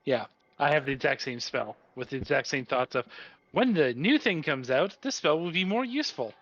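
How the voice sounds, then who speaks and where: A man with a somewhat high voice plays a tabletop game, making wry, chatty remarks. The sound is dull, lo-fi online call audio. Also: expressive, moderate pace, fairly bright tone, dry recording. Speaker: player. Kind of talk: casual tabletop play.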